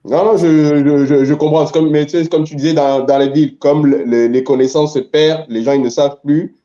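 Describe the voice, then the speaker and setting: A male student in a language lesson asks questions and gives short replies. His voice is mellow and low in brightness, and the audio comes through dull and lo-fi. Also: fairly even intonation, brisk.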